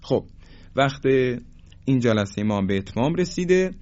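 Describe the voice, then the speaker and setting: A man teaching a Quran recitation lesson, explaining the rules and then chanting the examples slowly and drawn out. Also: mid-range voice, sing-song, darkish tone. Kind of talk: tajweed lesson. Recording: dull lo-fi recording.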